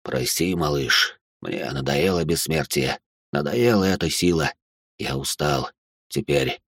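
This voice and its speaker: A man voicing a deep-voiced old immortal who speaks quietly and slowly, worn out by endless life. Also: breathy edge, no echo, studio quality, exaggerated voice. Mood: weary. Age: older. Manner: quiet, tired, slow.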